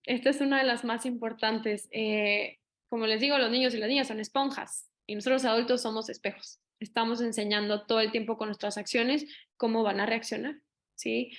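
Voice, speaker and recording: Lively woman giving an online talk. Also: on the high side. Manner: lively, acts out quoted voices. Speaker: speaker on child abuse prevention.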